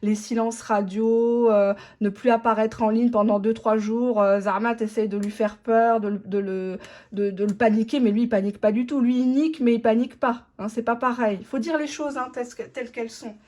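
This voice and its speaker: A fairly high-voiced woman talks straight to the viewer as she lays out tarot cards, blunt and teasing. She drops in the partner's thoughts in first person, plain-spoken and unsparing. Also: steady tone, normal speed, warm tone. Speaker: tarot reader. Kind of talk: tarot reading monologue.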